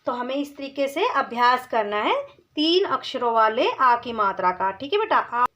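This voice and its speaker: A woman teaching a children's reading lesson, calling the children "beta" and drawing out each word slowly before she repeats it. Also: a little high, a bit bright, muffled recording.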